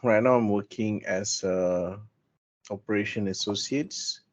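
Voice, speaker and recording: A thirty-year-old man working in industry, answering questions in a halting way with many fillers. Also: fairly low pitch. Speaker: interviewee, blockchain worker. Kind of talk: casual interview answers. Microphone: headset with studio mic.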